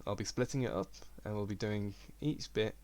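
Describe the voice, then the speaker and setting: A young man with a lowish voice talks through a game engine tutorial in a loose, casual way. He rambles a little and pokes fun at himself as he clicks through the steps. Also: moderate pace. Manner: relaxed, rambling, self-deprecating. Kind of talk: casual screen-recorded tutorial.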